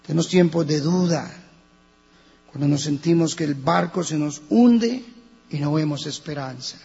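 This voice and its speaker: A man with a Colombian accent preaching a sermon as pastor, swinging between hushed and loud passages. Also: fairly high pitch, unhurried, vocal fry, slightly rough. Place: church hall. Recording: lo-fi church recording with long reverb and mains hum.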